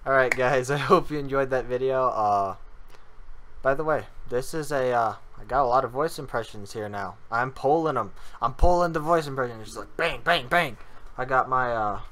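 Young male youtuber, relaxed casual outro delivery. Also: medium pitch, moderate pace. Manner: laid-back, laughing, talks to viewers.

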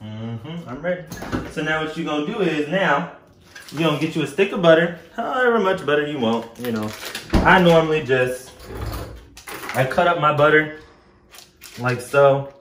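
With a slightly high voice, a moderate pace, and frequent pauses, a Southern-accented man in his twenties from Louisiana hosts a home cooking vlog, bantering with viewers in playful, sassy, animated slang. He's filmed indoors in his kitchen by a camera a step or two away, and the room is echoey with some background noise.

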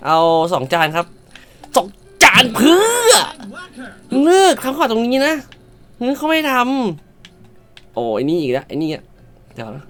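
A woman commentating a shop game, loud and exclamatory, swearing playfully at the game characters and now and then switching to a polite clerk voice. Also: mid-range voice, wildly swooping pitch, moderate pace, long pauses, faint music behind. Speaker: gamer. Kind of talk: let's-play commentary.

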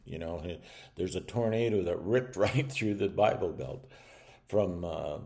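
An older man preaching a stern warning sermon to camera from a small room at home, earnest and halting with restarts. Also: low voice, gravelly, warm tone.

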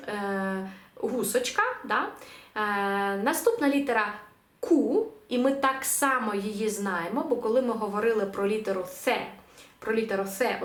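A woman teaching an online language lesson, saying example words slowly and clearly, then explaining them. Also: medium pitch, echoey room.

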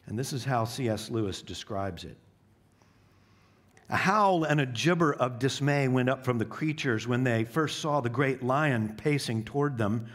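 A male pastor preaching a sermon, reading a storybook passage aloud in a dramatic way that drops soft for the solemn parts. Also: mid-range voice.

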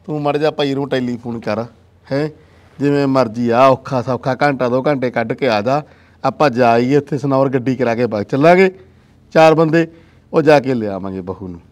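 An actor playing a blustering older village man, who keeps tagging his talk with a gruff "huh?". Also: medium pitch, moderate pace, darkish tone, natural voice. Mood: grumbling. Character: blustering old village man, son's wife has left. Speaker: villager and father-in-law. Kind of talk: rural comedy-drama acting.

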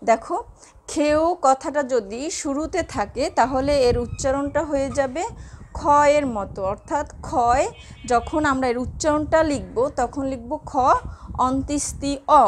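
A woman Bengali teacher giving a pronunciation lesson, speaking slowly and repeating each example for her students. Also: high voice, a little mellow, slight background noise.

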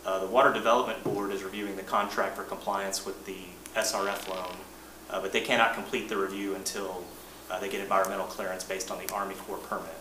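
A man, an engineering manager, presenting updates to a board in a measured, plain-spoken way, often restarting his sentences. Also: deep voice, level tone. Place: boardroom meeting. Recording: roomy distant mic, noisy meeting room.

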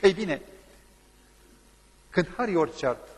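Male pastor, dramatic sermon storyteller, lively swooping delivery, husky tone, reverberant hall. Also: high voice. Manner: dramatic storytelling, acting out the people in his story.

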